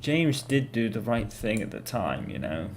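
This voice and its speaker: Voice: mid-range voice, very animated, normal speed, creaky. A player giving casual, laid-back commentary in short asides during a video game playthrough. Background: faint game music.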